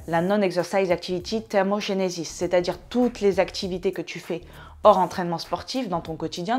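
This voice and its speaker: A woman's voice: fairly low pitch, a little mellow. A woman hosting a fitness advice video, chatting casually to the viewer with playful, self-mocking asides.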